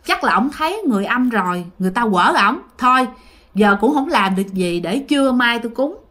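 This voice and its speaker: A calm older woman folk healer explains what is wrong in a matter-of-fact way, as a woman narrator voices her. Her voice sits a little high and moves freely. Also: brisk.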